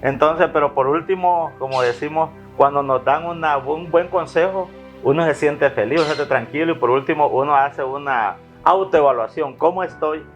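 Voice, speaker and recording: A man's voice: on the high side, normal speed, few pauses. Reflective man recalling his father. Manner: reflective, storytelling, frequent fillers. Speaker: interviewee, son of the subject. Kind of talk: reminiscing in a documentary interview. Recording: dull lo-fi sound with faint music.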